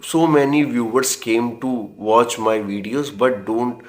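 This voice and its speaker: A man's voice: mid-range voice, slow pace. Earnest man giving a lesson. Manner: earnest, encouraging, repeats himself, frequent restarts. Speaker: English speaking tutor. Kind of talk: spoken English lesson to camera.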